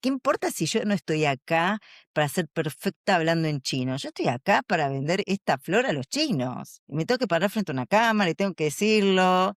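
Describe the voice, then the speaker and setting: A woman, a communication coach answering interview questions in an animated, storytelling way. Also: fairly low pitch, brisk, dry recording, studio quality.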